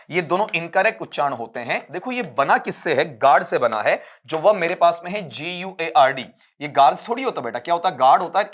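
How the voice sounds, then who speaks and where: A man's voice: fairly high pitch, a bit bright. A man, teaching an English exam-prep lesson, explaining step by step and asking his students questions. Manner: explains step by step, calls students beta, asks them questions; reads English sentences and spells words out slowly.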